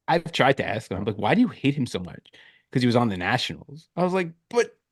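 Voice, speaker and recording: Man, 30s, casual podcast co-host, animated storyteller, dry close sound. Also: mid-range voice, fairly quick, breathy edge, dry recording. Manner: animated storytelling, acting out his own quotes. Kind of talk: casual chat.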